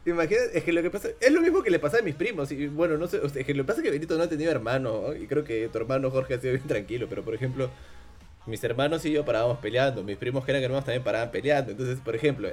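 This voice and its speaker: A man's voice: medium pitch, very fast. A young man with a Peruvian accent chatting casually, laughing now and then as he talks. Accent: Peruvian Spanish. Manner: chatty, laughs while talking. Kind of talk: casual chat.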